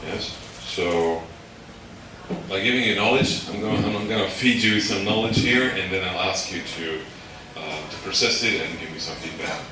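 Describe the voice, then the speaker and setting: Low-voiced man lecturing in an echoey hall. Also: normal speed. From Slovakia. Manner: explains step by step and checks in with the audience. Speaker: guest lecturer. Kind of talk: university lecture. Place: university lecture room. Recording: echoey hall, distant mic, background noise.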